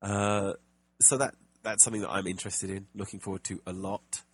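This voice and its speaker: A man with a fairly low, husky voice chats loosely about video games as a podcast co-host. He jokes often and trails through fillers and restarts. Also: little pitch movement, fairly quick. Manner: chatty, jokey, many fillers and restarts. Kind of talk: casual gaming podcast chat.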